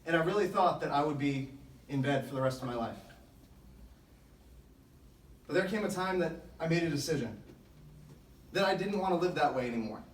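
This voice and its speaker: A man with a slightly high voice delivers a motivational speech to a sports team. He tells his story earnestly and deliberately, stressing key phrases. The sound is very roomy, with the microphone some distance away. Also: lively intonation, a little hiss or hum. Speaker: motivational speaker. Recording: echoey room, distant microphone.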